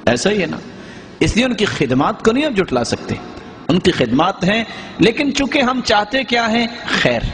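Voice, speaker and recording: A man's voice: sits high, sing-song, a bit bright. A male Islamic scholar answering a question in an earnest, explaining religious talk, often putting rhetorical questions to his listeners.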